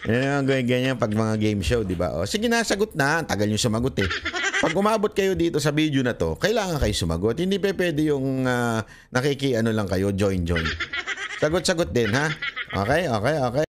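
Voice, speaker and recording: A man's voice: mid-range voice, brisk, noisy background. A man giving casual political commentary to his viewers, teasing and laughing as he talks. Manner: teasing, laughing, animated, playful.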